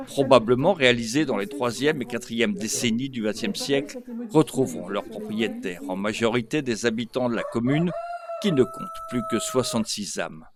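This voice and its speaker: Man reading a measured news voice-over. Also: mid-range voice, animated, a crowd in the background. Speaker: voice-over reporter. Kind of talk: scripted news narration.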